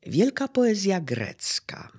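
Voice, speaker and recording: A teacher giving a slow, deliberate lecture on poetry, pausing with fillers and trailing into a whisper at the ends of phrases. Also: medium pitch, big pitch swings, breathy edge.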